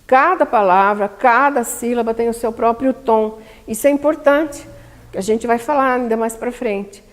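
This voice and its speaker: Brazilian woman, seminar lecturer, emphatic and engaging, fairly high voice, hall reverb. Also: moderate pace. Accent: Brazilian Portuguese. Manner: lively, emphatic, asks the audience questions. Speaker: lecturer at a spiritist center seminar. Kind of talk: teaching a public speaking course. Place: community hall.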